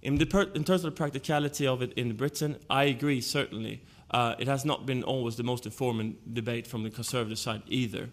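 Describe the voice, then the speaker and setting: A man with a Swedish accent gives an argumentative panel talk and works through his case point by point. His voice sits at a middling pitch for a man. His delivery is measured and deliberate. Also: fairly even intonation. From Sweden. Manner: argumentative, lays out points in order.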